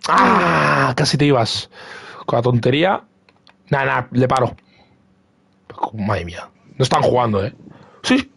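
A young man streaming a football video game live, giving excitable running commentary on his own play and repeating words. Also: mid-range voice, a little slow, vocal fry, pauses often, husky. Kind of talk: live gaming stream chat with friends.

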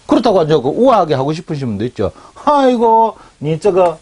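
A middle-aged man teaching Chinese in a chatty, animated way, often asking his students for agreement. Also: fairly high pitch, fast, slightly rough. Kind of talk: casual lecture.

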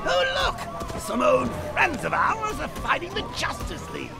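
Manic clown supervillain, slow theatrical delivery, wildly varied pitch, mocking, game cutscene, loud music. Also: male voice, wildly swooping pitch, vocal fry, full character voice. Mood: gleeful, scheming. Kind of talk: video game cutscene acting.

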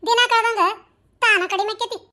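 A woman's voice: very high-pitched, fairly even intonation, brisk, background noise. A woman voicing a young cartoon wife with a North Karnataka accent, chatty and nagging. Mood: wistful. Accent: North Karnataka Kannada.

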